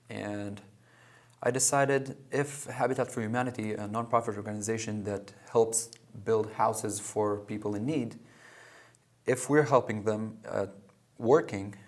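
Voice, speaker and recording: Low-voiced man who grew up in Israel. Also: creaky. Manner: halting, with many pauses and fillers. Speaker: guest, club president. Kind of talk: interview answers.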